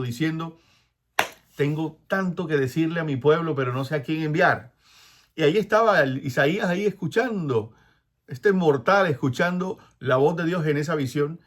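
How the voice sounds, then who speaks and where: A man preaching a sermon, acting out biblical dialogue with soft, prayerful asides and breaking into laughs between phrases. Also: a little high, normal speed.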